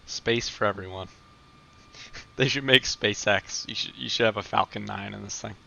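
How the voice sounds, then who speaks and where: A man casually chatting on a live game stream, relaxed and answering viewer comments as he plays. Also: fairly low pitch, normal speed, gravelly, muffled recording.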